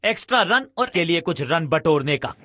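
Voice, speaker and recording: A man delivers excited cricket commentary in a high, forceful voice. His phrasing is dramatic and flowery, full of exclamations, with a bright edge that cuts through. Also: normal speed, no room sound, clean studio sound.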